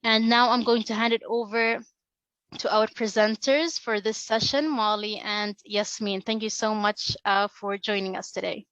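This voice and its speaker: A woman advisor giving a webinar presentation, steady and full of small fillers. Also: medium pitch, moderate pace, dry recording. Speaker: education advisor. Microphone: video call.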